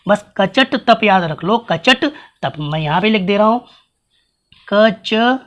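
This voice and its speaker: A man's voice: high-pitched, lively intonation, takes it slowly, a bit bright. Male teacher, grammar lesson, sounds out letters, asks the class questions. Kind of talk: blackboard-style grammar lesson.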